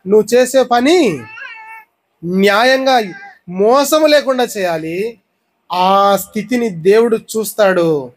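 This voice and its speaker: High-voiced Telugu pastor preaching. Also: male voice, lively intonation, slow, long pauses, poor audio. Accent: Rayalaseema Telugu. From India. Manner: repeated questions to the congregation, teaching with everyday examples. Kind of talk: sermon.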